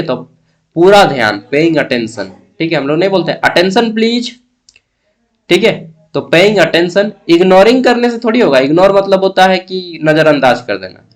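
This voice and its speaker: Young male teacher, exam-prep lecture, somewhat high voice, patient step-by-step explaining. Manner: explains slowly with Hindi-English mixing and frequent "theek hai".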